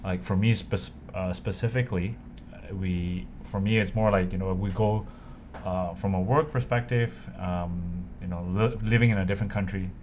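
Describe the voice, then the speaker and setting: A man from Malaysia, a podcast guest, talking casually in a halting way with many fillers. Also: deep voice, fairly even intonation, a little mellow, slight background noise.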